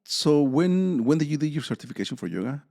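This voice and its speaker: A man hosting a podcast in casual chat, halting, with many fillers and restarts. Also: on the high side, very animated, dark tone, long reverb tail. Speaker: podcast host.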